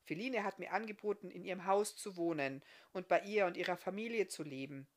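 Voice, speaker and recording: A woman reading aloud, voicing a kind, ugly circus man with a calm, decided manner. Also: on the low side, a little fast, lightly acted.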